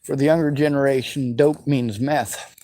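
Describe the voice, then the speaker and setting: A man in his forties from the western United States answers his vlog viewers' questions bitterly, with plenty of swearing, in an unscripted angry monologue. His mid-range, dark voice has fairly even intonation and a moderate pace; there's no room sound, but the audio is poor.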